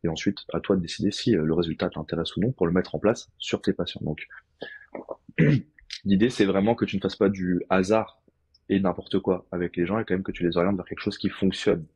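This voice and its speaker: A man's voice: sits low, a little fast, darkish tone, slightly rough, dry recording. A man, a physiotherapist guest on a podcast, explaining his practice step by step in a casual, thinking-aloud way.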